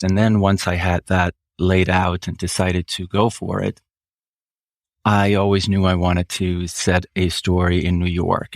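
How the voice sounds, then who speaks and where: This deep, gravelly-voiced author guest from Switzerland, whose first language is German, responds to interview questions thoughtfully and deliberately, often slowing and relying on frequent fillers. There's no room sound.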